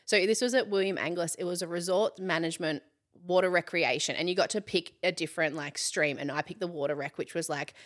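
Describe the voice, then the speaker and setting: This casual interview features a chatty Australian content creator in her thirties who laughs often and says "like" a lot. She talks fast in a fairly low voice with fairly even intonation.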